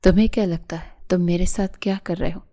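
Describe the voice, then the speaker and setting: A woman's voice: on the low side, steady tone, warm tone, close to an everyday voice. A woman voicing a wronged young wife in an audio story, tearful and bitter.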